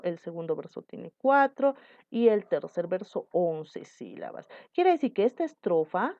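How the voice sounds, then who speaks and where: A woman's voice: mid-range voice, no room sound. Woman teacher counting syllables aloud. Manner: patient, checks in with frequent "¿sí?", counts syllables aloud. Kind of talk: recorded online lesson on poetic meter. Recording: tinny phone-like, dry sound.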